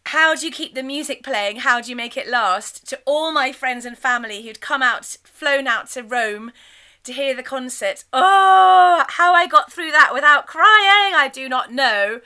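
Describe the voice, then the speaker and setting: A middle-aged woman leading a choir course, chatting warmly and breaking into sung demonstrations. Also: high voice, lively intonation, measured pace, clean tone. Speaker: choir leader teaching a course. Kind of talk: enthusiastic spoken lesson with sung demonstrations.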